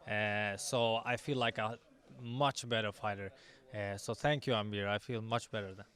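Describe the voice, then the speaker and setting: A confident young man, an MMA fighter giving a sports interview in halting English with repeated words. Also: fairly low pitch, fairly even intonation, fairly bright tone. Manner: confident, self-assured. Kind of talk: post weigh-in sports interview.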